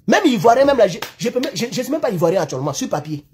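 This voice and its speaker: A man with an Ivorian French accent, venting in an impassioned political rant that keeps circling back on itself. His voice sits high and is deeply raspy and husky. His pitch leaps around with lively, animated swings. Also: very fast. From Ivory Coast. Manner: impassioned, accusatory, repetitive. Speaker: YouTube political commentator.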